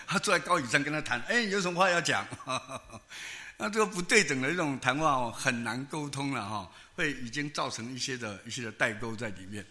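A man's voice: mid-range voice, fairly quick, bright, forceful tone. Older man preaching in folksy Mandarin. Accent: Taiwanese Mandarin. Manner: folksy storytelling with many fillers and tag particles. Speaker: pastor. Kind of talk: sermon.

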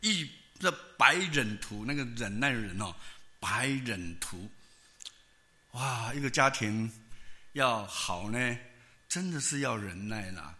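A man's voice: medium pitch, lively intonation, slow pace, sharp tone. An older man with a Taiwanese Mandarin accent preaching a sermon, telling stories in a folksy way with many fillers and tag particles. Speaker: pastor.

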